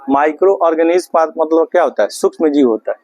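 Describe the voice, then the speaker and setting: A man teaching a grammar class, asking questions and answering them himself, and spelling words out slowly letter by letter. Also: fairly high pitch, expressive, a little mellow, dry recording. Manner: asks questions and answers them himself, calls students "babu".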